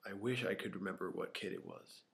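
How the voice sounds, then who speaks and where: Here the young vlogger's low, creaky voice swings hugely in pitch as he talks fairly quickly. Alone in a small empty room, he tells meandering casual stories straight to camera, full of fillers and sometimes hushed to a whisper, recorded on the camera's own mic.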